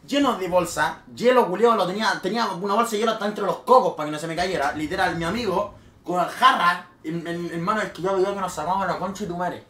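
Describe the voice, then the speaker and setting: A young man with a Chilean accent, a streamer telling a party story in casual, swear-laden speech with loud bursts. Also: sits high, fast talker. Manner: animated, swears freely, with sudden loud bursts. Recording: roomy echo.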